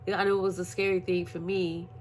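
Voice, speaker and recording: A woman recovering from surgery, telling a story in a profane, animated casual vlog. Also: fairly low pitch, a little fast, a little hiss or hum. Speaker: vlogger. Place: at home, indoors.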